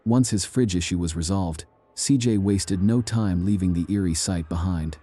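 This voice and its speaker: A man giving a measured, ominous scripted narration of eerie true stories. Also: deep voice, warm tone, breathy edge.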